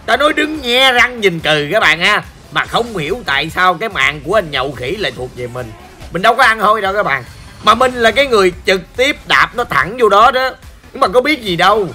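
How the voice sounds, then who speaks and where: A hoarse man with a Southern Vietnamese accent, chatting playfully through gameplay commentary and ribbing his viewers. His voice sits high and sounds bright, with faint music under it. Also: expressive, moderate pace. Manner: playful, joking, talks straight to viewers. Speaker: gaming channel host. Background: faint background music.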